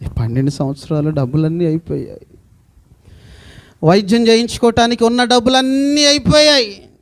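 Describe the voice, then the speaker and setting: A man's voice: very high voice, moderate pace. A male preacher voicing a desperate woman who has been sick for twelve years, pleading in rhetorical questions. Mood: despairing.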